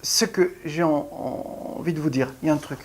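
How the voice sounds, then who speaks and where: A middle-aged ballet class pianist giving a casual video lesson, talking in a halting way with many restarts while showing rhythm and breathing. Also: mid-range voice, heavy background noise.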